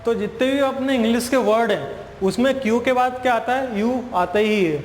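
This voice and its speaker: A high-voiced male teacher explains a spoken English grammar lesson in Hindi, patiently repeating each point and answering his own questions. The recording has a long echoing reverb with faint hiss underneath. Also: normal speed.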